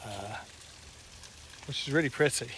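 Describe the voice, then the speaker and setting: A man chatting casually as he films a travel vlog outdoors, relaxed and quick to laugh. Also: mid-range voice. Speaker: travel vlogger. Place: outdoors at sightseeing spots. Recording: loud outdoor wind and traffic noise.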